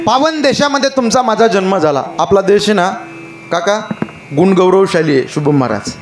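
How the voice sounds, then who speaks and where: A man's voice: high voice, lively intonation, moderate pace, echoey room. A man preaching a devotional kirtan sermon to a live gathering, impassioned, with rhetorical questions, chanted lists and calls for the audience to answer. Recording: music accompaniment behind.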